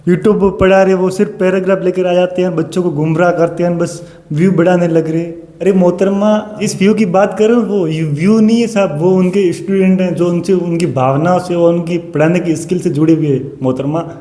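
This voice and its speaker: A coaching teacher delivers a fiery, repetitive rebuttal monologue, addressing his target directly with sarcasm. His high, warm voice holds a steady tone at a moderate pace with few pauses, and the room is echoey with long reverb.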